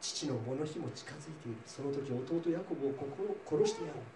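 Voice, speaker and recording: A man's voice: fairly high pitch, a little fast, far from the mic, lightly acted. A man reading a pleading, bitter elder son. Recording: roomy, voice from off-mic, faint noise.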